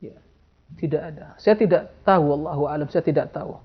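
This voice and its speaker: Male preacher teaching a religious class, keeps asking rhetorical questions, kinda high voice, lo-fi muffled audio. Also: a little fast, breathy edge. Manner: emphatic, rhetorical questions, frequent "ya". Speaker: Islamic preacher. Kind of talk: religious study lecture with Q&A.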